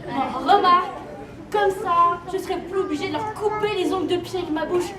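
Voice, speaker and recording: A woman's voice: very high voice, brisk, over a noisy crowd, very noisy. A woman playing a dramatic, earnest heroine who rallies children in a live Christmas stage play, theatrical and exclamatory. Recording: distant echoey hall, loud music and audience.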